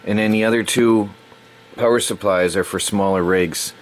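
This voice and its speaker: A man's voice: on the low side, steady tone, moderate pace, a little hiss or hum. A middle-aged man hosting a casual unboxing video, rambling and stumbling over words as he corrects himself. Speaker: tech channel host.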